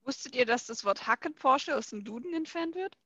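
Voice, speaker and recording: A woman's voice: sits high, expressive, brisk, sharp tone, dry recording, muffled recording. A woman in casual chat, making dry jokes.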